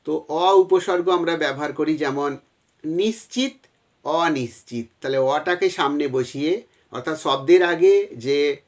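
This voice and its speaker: A man's voice: fairly high pitch, normal speed. A man teaching a grammar lesson to exam students, explaining step by step and addressing them directly, with a West Bengal Bengali accent.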